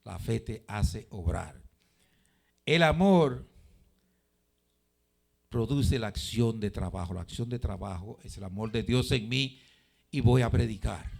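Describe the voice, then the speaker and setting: A man's voice: lowish voice, normal speed, vocal fry, a little mellow, husky. A man preaching a sermon in church, asking rhetorical questions, answering them himself and repeating phrases for emphasis.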